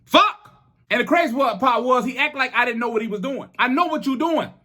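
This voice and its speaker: A middle-aged man telling a story in a casual, animated way, with plenty of swearing and acted-out dialogue. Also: very high-pitched, fast talker. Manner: animated, profane, acts out dialogue.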